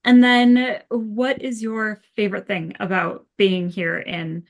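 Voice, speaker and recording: A woman co-hosting a podcast asks rambling questions in an enthusiastic, chatty way during a casual interview chat. Her voice is medium-pitched and gravelly, with a flat delivery and a slow pace.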